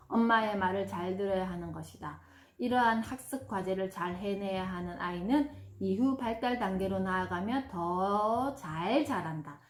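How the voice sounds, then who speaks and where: A woman in her fifties giving a parenting lesson, partly reading from a book and acting out gushing praise for children. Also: mid-range voice. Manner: warm, demonstrative, acts out gushing praise in bursts. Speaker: parenting educator. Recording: roomy echo.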